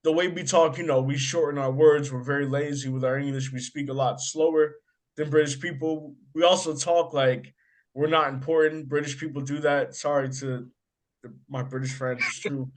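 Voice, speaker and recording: A young American man hosting a casual chat, telling animated stories and swearing freely. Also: mid-range voice, moderate pace. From United States. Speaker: podcast host.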